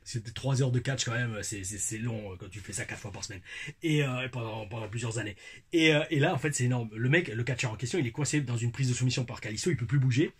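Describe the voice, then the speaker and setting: A man's voice: medium pitch, quick pace, slightly rough. A young adult man chatting casually on his vlog as a wrestling show reviewer, telling stories in slang with a rambling manner and many restarts. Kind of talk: casual vlog chat and storytelling.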